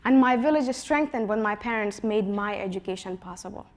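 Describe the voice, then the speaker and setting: A woman in her twenties from Afghanistan gives a prepared conference talk. She speaks at a middle pitch in an earnest, storytelling way. Her voice often sinks quietly at the close of a phrase. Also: fairly quick. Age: 20s. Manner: earnest storytelling, voice drops softly at phrase ends.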